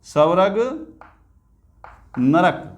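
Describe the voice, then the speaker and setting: Slow high-voiced man teaching grammar. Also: big pitch swings. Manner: slow, repeats key terms, asks and answers his own questions; recites verse lines slowly and distinctly. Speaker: Hindi teacher. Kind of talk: grammar lesson on figures of speech.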